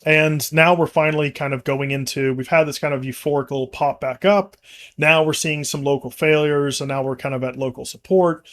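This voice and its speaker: A man's voice: a little high, steady tone, a little fast, a bit bright. A man co-hosting a casual market discussion, talking in long rambling runs full of restarts and fillers. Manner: rambling, frequent restarts and fillers, laughs easily. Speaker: company executive co-host.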